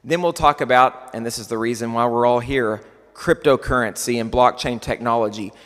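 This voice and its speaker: A man with a West Texas accent gives a prepared conference talk, using deliberate, emphatic phrasing and repeating key words. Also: medium pitch, fairly bright tone. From West Texas, United States. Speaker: conference speaker. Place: large indoor conference hall. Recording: echoey hall with long reverb.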